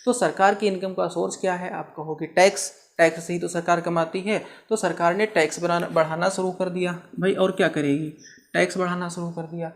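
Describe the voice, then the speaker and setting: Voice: mid-range voice, fairly even intonation, a little fast. A teacher works through an exam-prep history lesson, posing a question and then answering it. Key terms are explained with homely comparisons, and "theek hai" keeps coming back as a check-in. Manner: asks rhetorical questions and answers them.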